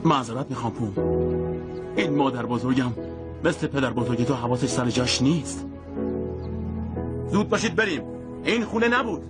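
A man's voice: medium pitch, animated, long pauses, loud music behind the voice, natural voice. A man voicing a flustered, apologetic father in a dubbed drama.

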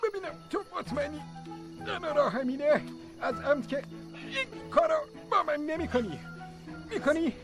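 A man's voice: extremely high pitch, very animated. A man dubbing a jittery, easily frightened young man who repeats himself nervously in a drama. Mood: panicky. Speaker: dubbing actor. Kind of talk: dubbed drama acting. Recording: music score behind dialogue.

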